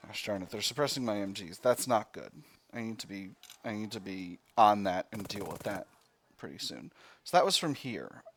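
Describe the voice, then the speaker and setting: A man's voice: fairly low pitch, expressive, moderate pace, a bit bright, a little hiss or hum. A man hosting a video game let's play, thinking aloud as he talks through each decision step by step with mild exclamations.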